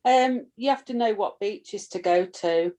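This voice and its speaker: A woman's voice: mid-range voice, a little slow, dark tone. A woman, a class participant chatting easily on a call. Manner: easygoing, talks at length about her plans. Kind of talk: casual video-call chat.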